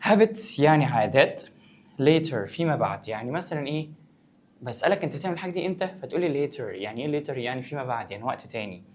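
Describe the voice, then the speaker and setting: Male teacher, Egyptian Arabic accent, brisk classroom explainer. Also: medium pitch, lively intonation, a little mellow, slight background noise. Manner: quick, conversational, asks and answers his own questions. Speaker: English teacher. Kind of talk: vocabulary lesson for students.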